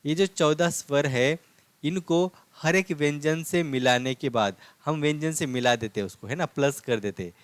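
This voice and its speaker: A man's voice: a little high, moderate pace, dry recording. A man teaching a language lesson, patiently repeating points and answering his own questions. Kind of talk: classroom lesson explaining script.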